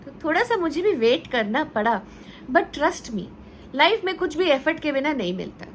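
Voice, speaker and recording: A woman's voice: high voice, sing-song, normal speed, slight background noise. A woman teacher giving conversational parenting advice, telling stories and mixing English words into her Hindi. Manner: storytelling with acted quotes.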